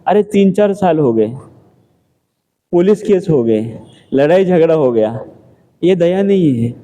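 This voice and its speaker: Dark-voiced man giving a temple sermon. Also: fairly high pitch, lively intonation, unhurried. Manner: conversational, poses rhetorical questions and answers them. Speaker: temple lecturer. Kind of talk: scripture class sermon.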